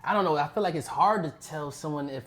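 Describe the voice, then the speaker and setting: A woman's voice: sits low, fast. A woman hosting a podcast interview, asking loose, rambling questions in casual slangy talk. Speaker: podcast host.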